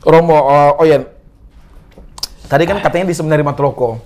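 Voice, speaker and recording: A man hosting a podcast, asking quick, joking questions in a casual comic interview. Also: a little high, a little mellow. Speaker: podcast host.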